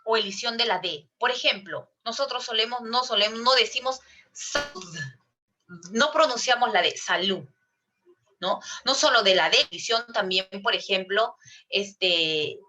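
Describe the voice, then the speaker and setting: Bright Peruvian woman teaching a class. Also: on the high side, moderate pace. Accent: Peruvian Spanish. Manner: asks the class questions and repeats herself often. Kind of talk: classroom lecture.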